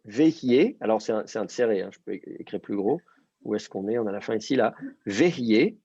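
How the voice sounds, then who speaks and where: Husky man teaching with patient explanations. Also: on the low side, expressive, fairly quick, warm tone, dry recording. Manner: patient, explains step by step with many fillers. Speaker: Hebrew teacher. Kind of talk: online class explanation. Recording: dull lo-fi dry sound.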